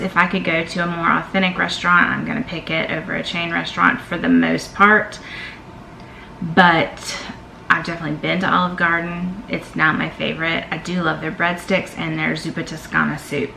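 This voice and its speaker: A woman's voice: sits low, creaky, sharp tone. A middle-aged woman with a Southern American accent, chatting casually as she answers tag questions in her vlog, emphatic and fond of saying y'all. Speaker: vlogger. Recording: echoey room with faint ambient noise.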